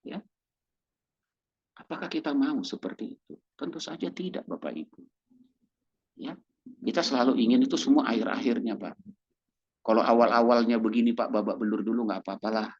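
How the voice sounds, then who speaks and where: A man's voice: mid-range voice, a little fast, long pauses, a little mellow, husky. A man preaching a sermon who acts out little dialogues as he goes. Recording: dull lo-fi recording.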